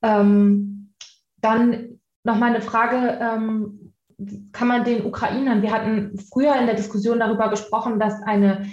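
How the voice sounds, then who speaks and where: A woman's voice: on the high side, fairly even intonation, measured pace, darkish tone. A woman putting semi-spontaneous questions to a discussion panel, hesitating and rephrasing as she goes. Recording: echoey room, slightly dull audio.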